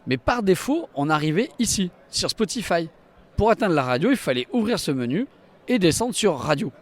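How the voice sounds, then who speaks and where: At a trade show, a man with a fairly high voice represents the company behind a product and walks the camera through a live demonstration, explaining each feature enthusiastically. Very animated and moderately paced, he moves between the stand and the inside of a car.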